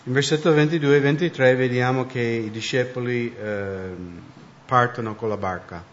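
Brief: male church interpreter, steady reader, occasional self-corrections, lo-fi sound. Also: medium pitch, moderate pace. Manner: reads steadily, with small slips and self-corrections. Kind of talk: interpreting a sermon and reading scripture.

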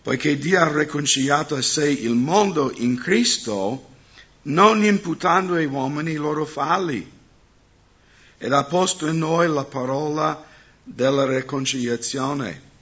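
A man's voice: fairly high pitch, a little slow, fairly bright tone, breathy edge. A man preaching as a pastor, speaking to his congregation and often asking them questions. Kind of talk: sermon. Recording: dull muffled sound.

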